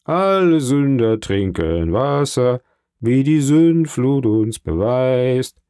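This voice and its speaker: A man reading aloud and voicing a merry drunk with a slow, heavy tongue. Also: mid-range voice, big pitch swings, darkish tone, no echo, studio quality. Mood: tipsy. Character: drunk man slurring merrily.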